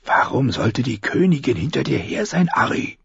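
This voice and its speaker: A man voicing a big, good-natured but blunt young man in an audiobook, plain and steady. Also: mid-range voice, moderate pace, breathy edge, dry recording, muffled recording, pitched above the performer's own voice. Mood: puzzled.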